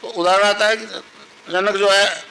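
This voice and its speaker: High gravelly older male preacher. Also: flat delivery, moderate pace, bright, forceful tone, rough recording. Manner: storytelling, teaching a mantra to repeat. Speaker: spiritual guru. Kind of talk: sermon to a live gathering.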